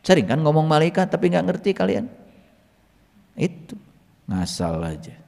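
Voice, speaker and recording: A man teaching a religious lesson in sermon style, firing rhetorical questions at his listeners and reciting Arabic verses slowly and drawn out. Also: on the high side, creaky. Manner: lively, fires rhetorical questions at the audience. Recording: long reverb, hall-like room.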